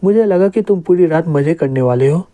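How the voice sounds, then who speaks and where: A man's voice: fairly high pitch, expressive, brisk, mellow, natural voice. A wry talking magic book, read by a man. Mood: knowing. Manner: explaining, teasing.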